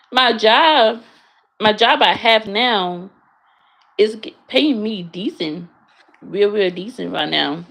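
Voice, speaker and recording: A young American woman sits in her bedroom answering her livestream chat, casual, blunt and frank, swearing freely. Her voice is mid-range and gravelly.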